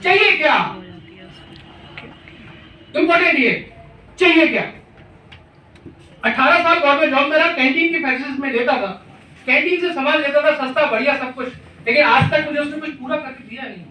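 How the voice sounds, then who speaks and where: A man's voice: extremely high pitch, fast, pushed and bright. A middle-aged man giving an emphatic motivational talk to a business team in a meeting room, repeating points and asking rhetorical questions. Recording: echoey room, mic far off, faint noise.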